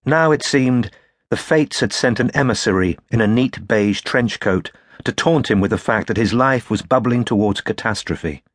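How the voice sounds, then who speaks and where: A man narrating a crime novel audiobook in a measured, steady storytelling manner. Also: on the low side, dry recording, studio quality. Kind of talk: scripted narration.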